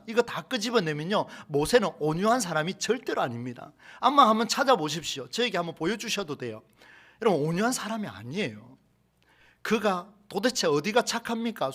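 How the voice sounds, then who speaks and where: A man preaching a Sunday sermon as a pastor in a church, animated, with rhetorical questions and acted-out quotes. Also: a little high. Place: church sanctuary.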